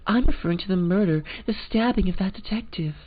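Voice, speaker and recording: A posh, haughty woman from a video game, who lords it over everyone , as a man puts her on in a raised voice. She talks theatrically with drawn-out words. The recording sounds slightly dull and lo-fi. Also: sits high, pitched above the performer's own voice. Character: haughty scheming lunch-seller woman.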